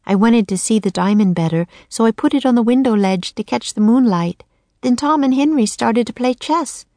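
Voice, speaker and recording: A woman's voice: a little high, animated, moderate pace, mellow, no echo, voice pushed up. Woman playing a young girl, cheerful, eager, storybook, raised voice, dry recording.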